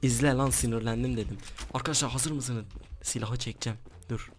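A man's voice: medium pitch, fairly quick, slight background noise. A man commentating his online shooter game for viewers, teasing an opponent and reading out what he types. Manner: excited, teasing, talks to viewers while typing chat. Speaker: gaming YouTuber. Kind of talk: casual gameplay commentary.

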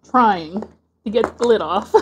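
A woman from Canada hosting her own mukbang video, chatting casually and getting excited over each dish as she unpacks it. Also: medium pitch, background noise. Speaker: mukbang host.

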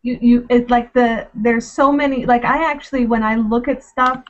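Co-host: chatty woman, bright high voice, rambling, lo-fi call audio. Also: steady tone, normal speed. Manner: bubbly, rambling with many "like"s. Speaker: co-host of a live Q&A. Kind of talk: casual video chat.

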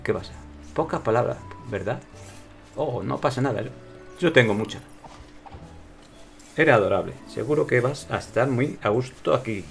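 Gravelly Spain-accented man commenting on a game. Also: mid-range voice, expressive, moderate pace, long pauses, soft background music. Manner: chatty, talks to himself while playing. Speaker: gameplay commentator. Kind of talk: casual gameplay commentary.

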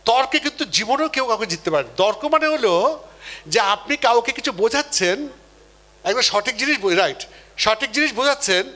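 Man, motivational seminar speaker, high voice, bright tone, lively, questions the crowd. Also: brisk. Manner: animated, acts out quoted people and questions the audience. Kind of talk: live motivational seminar talk.

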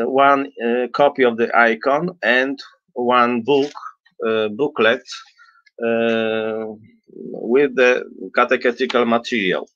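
A man in his fifties explains things off the cuff in non-native English. He speaks slowly and haltingly at a medium pitch, searching for words. The webcam recording is dull and lo-fi, with little room echo. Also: fairly bright tone. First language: not English. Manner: halting, hesitant, searching for words, frequent throat-clearing. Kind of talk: unscripted explanatory talk. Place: small indoor room with bookshelves.

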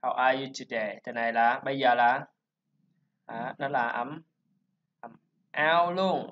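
A man's voice: mid-range voice, little pitch movement, moderate pace, a little hiss or hum. A man teaching English pronunciation, chattily explaining and drilling each sound over and over. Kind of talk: screen-recorded lesson talk. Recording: dull lo-fi voice recording.

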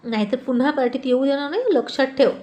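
A loud, playful older brother who keeps bossing and teasing his sister, put on by a woman narrator. He sounds cheeky and hurried, quick with a jibe. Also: high-pitched, fairly even intonation, close to an everyday voice. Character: teasing young adult brother.

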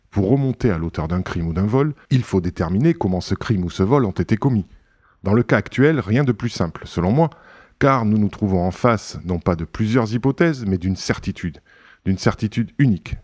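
A man reading an audiobook, voicing a calm chevalier who lectures on a crime with slightly dogmatic assurance. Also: low voice, no echo, studio quality. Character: suave self-assured gentleman sleuth, Italian chevalier. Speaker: reader voicing a character.

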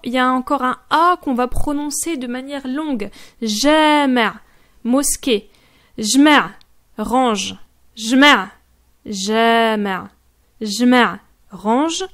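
A woman teaching Moroccan Arabic pronunciation, saying each word slowly and repeating it, and speaking to the viewer in a friendly, informal way. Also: high-pitched. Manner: slow, careful drilling of words with repeated examples. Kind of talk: pronunciation lesson addressed to the viewer.

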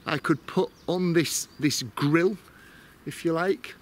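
A man's voice: a little high, takes it slowly. A man in his forties, a bushcraft vlogger, chatting to camera in a casual, self-mocking way as he explains his kit outdoors in a woodland.

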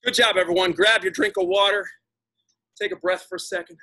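Male aerobics instructor, middle-aged, high-pitched forceful voice, urging the class through moves and counts. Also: steady tone, fairly quick. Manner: encouraging, urging, exerting himself while talking. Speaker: fitness instructor leading a boot camp class. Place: outdoors in a backyard garden. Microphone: camera a few metres away.

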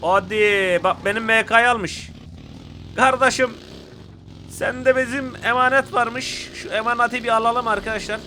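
A young man giving excitable, casual commentary to viewers while playing a mobile shooter game. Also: very high voice, a little slow, a little hiss or hum.

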